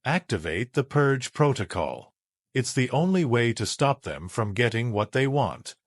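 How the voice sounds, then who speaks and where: A man's voice: mid-range voice, big pitch swings, a little slow, no echo, clean studio sound. A man voicing a fierce, protective alien warrior woman who speaks in terse, clipped commands in a sci-fi audio story. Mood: determined.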